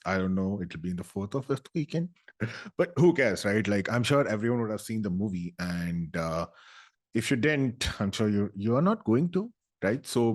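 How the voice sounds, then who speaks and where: A young man, ranting about a movie in casual, comedic, sarcastic style, breaking into loud animated bursts. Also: fairly low pitch. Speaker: YouTuber.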